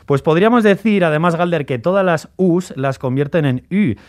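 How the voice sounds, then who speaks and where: A man's voice: fairly high pitch, moderate pace, darkish tone, no room sound. Man explaining on radio, dry sound. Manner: didactic, explains with examples. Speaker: radio language segment contributor.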